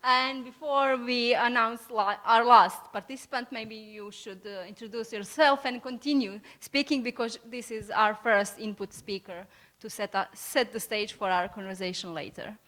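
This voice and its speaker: A woman with a fairly high voice moderates an online panel. She thanks each speaker briefly and moves on to the next. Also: steady tone, bright, forceful tone. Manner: brisk, passing the floor along. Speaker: session moderator.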